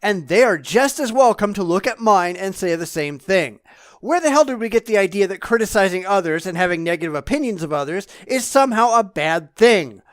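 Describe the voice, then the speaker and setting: Male commentator, high smooth voice, blunt and profane, opinionated monologue. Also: animated, brisk, dry recording, studio quality. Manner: blunt and combative, swears freely. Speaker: political blogger.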